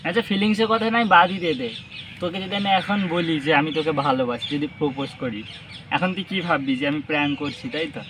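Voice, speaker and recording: Speaking fast in a slightly high voice, a young adult man makes a prank call as a vlogger. He is casual, teasing and coaxing, pressing with questions, over a noisy background of squawking parrots and ambient sound.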